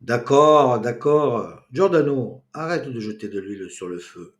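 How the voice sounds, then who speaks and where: A man's voice: mid-range voice, animated, a little slow, lightly acted. A man voicing a bossy, teasing small-town mayor chairing a meeting.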